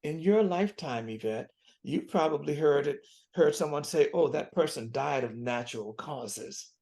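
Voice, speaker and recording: A man's voice: a little high, expressive, moderate pace, vocal fry, mellow. A man in his seventies, a physician guest in an interview, speaking earnestly and repeating key phrases for emphasis. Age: 70s. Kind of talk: interview conversation.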